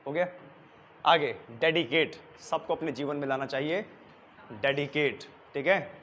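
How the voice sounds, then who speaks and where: A man's voice: on the high side, a little slow, a bit bright, slight background noise. A young male teacher who drills exam vocabulary with repeated questions and answers in a coaching classroom. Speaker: English teacher. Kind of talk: exam-prep vocabulary lesson.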